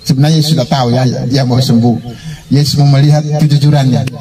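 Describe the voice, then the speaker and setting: A man's voice: mid-range voice, steady tone, fast, mellow, recorded from a distance. A man preaching a casual storytelling sermon, chatty, laughing at his own jokes and acting out the characters.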